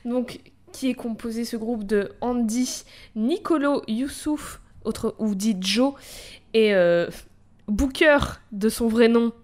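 A woman's voice: fairly high pitch, slow pace, darkish tone. A woman hosting a podcast in casual chat, enthusiastic and swearing freely. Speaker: podcast host.

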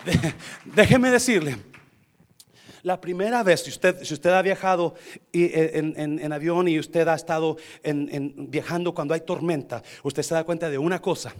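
A man preaching a sermon as pastor, dropping to whispers and rising to shouts, and slipping English phrases into his Spanish. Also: on the high side. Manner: self-described introvert, talks fast when telling stories.

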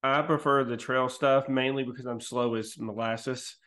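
A man's voice: medium pitch, steady tone, normal speed, fairly bright tone. A man hosting a casual interview, chatty and self-deprecating, often stumbling as he starts a question. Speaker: podcast host interviewer.

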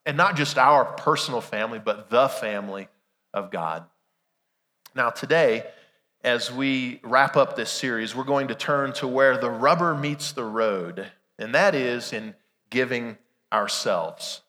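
A man's voice: mid-range voice, sharp tone. A man preaching a Sunday sermon in a conversational way, asking rhetorical questions, his voice weak and strained from being sick. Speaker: pastor. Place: large church room during a service. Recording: reverberant hall sound.

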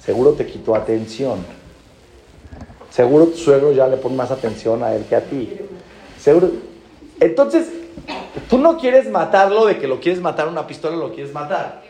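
A man's voice: fairly high pitch, moderate pace, long pauses, a little hiss or hum. A man, a rabbi giving a Torah class, acting out stories and repeating phrases for emphasis. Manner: animated, acts out dialogues, repeats phrases for emphasis. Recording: roomy echo.

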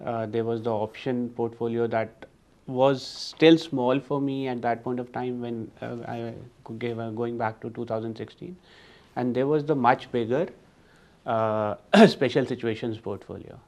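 A man with an Indian accent speaking as an investor guest in an interview, explaining in a halting way with the odd Hindi word mixed in. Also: mid-range voice, steady tone, darkish tone. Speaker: guest, full-time investor. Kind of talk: conversational interview discussion of investing.

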